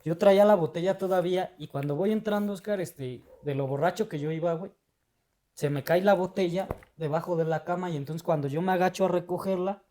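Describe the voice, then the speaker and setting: High-voiced Mexican man telling his story. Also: fairly quick, dark tone. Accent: Mexican Spanish. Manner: emotional, slangy, fills every phrase with a tag word. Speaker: guest. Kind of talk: casual personal storytelling.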